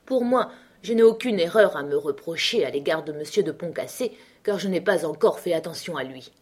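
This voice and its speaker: Woman doing witty male surgeon, cool mocking tone, raised and fairly loud. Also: low voice, lively intonation, fairly quick, slightly rough. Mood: dry mocking.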